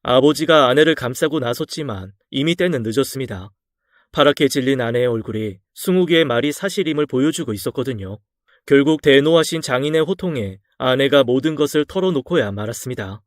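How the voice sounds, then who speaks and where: A man narrating a scripted true-life story in a calm, measured way, recorded close and dry. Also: mid-range voice, no echo.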